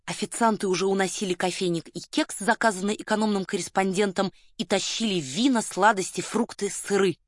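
A woman narrating an audiobook in an even, measured storytelling manner. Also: medium pitch, no echo, studio quality. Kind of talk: scripted narration.

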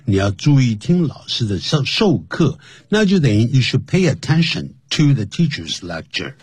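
Husky-voiced man teaching English on radio. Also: medium pitch, moderate pace, dry recording. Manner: explains patiently, animated. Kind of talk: radio language lesson. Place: radio studio.

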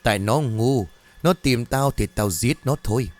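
A man's voice: mid-range voice, unhurried, darkish tone, faint music behind, close to an everyday voice. A man voicing a young man possessed by a vicious century-old female demon, speaking with a mocking, snarling cruelty in a horror audiobook. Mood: menacing.

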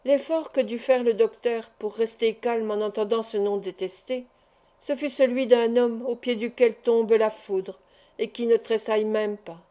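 A woman narrating a classic adventure novel aloud in a measured, expressive way. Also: on the high side. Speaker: audiobook reader.

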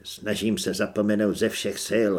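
A man voicing a tired, exasperated male opera manager who speaks low and dry. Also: little pitch movement, darkish tone, lightly acted. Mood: weary.

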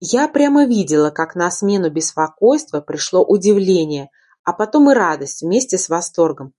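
A woman narrating a romance novel in the first person, in a calm, even storytelling manner. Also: on the low side, moderate pace, breathy edge. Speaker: audiobook narrator.

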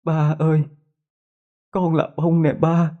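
A man voicing the ghost of a dead young daughter, speaking in a slow, mournful, pleading way. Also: on the high side, monotone, highs cut off, pitched above the performer's own voice.

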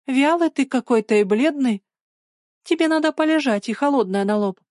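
A woman voicing a cheeky, bossy young girl with a teasing, sharp-tongued manner in a storybook reading. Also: high-pitched, lively intonation, normal speed, no room sound, clean studio sound, pitched above the performer's own voice. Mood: fussing.

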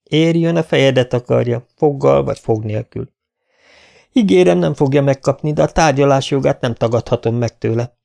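Egy férfi, aki egy nyugodt, komoly trónörököst szólaltat meg, megfontoltan érvelve. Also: male voice, mid-range voice, gravelly, warm tone, close to an everyday voice. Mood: grave. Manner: measured, reasoning. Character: calm, grave royal prince, heir.

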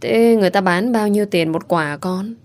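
A woman voicing a caring young father who speaks softly and slowly. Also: medium pitch, lightly acted. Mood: tender. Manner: soft, slow, tender.

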